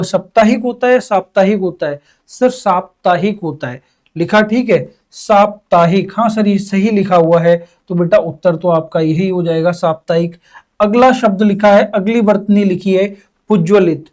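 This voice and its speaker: Brief: young male teacher, high voice, quizzes the class and answers in students' voices, drags out key words. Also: moderate pace, darkish tone. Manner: asks questions and answers them in students' voices. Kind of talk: exam-prep Hindi lesson.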